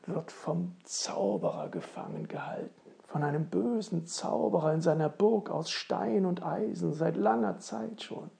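A storyteller voicing an old fairy-tale king who speaks slowly and gravely, warning his son. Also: medium pitch, dark tone.

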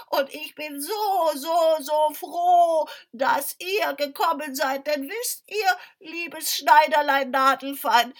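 A wailing lonely scarecrow. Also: female voice, high voice, voice pushed up. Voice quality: croaking, wailing. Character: lonely cackling old scarecrow, overjoyed.

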